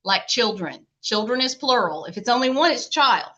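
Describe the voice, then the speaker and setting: A woman's voice: fairly high pitch, expressive, moderate pace, fairly bright tone. A middle-aged woman teaching a recorded grammar lecture in a chatty way, often checking in with "okay?" and "right?". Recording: dull lo-fi lecture audio.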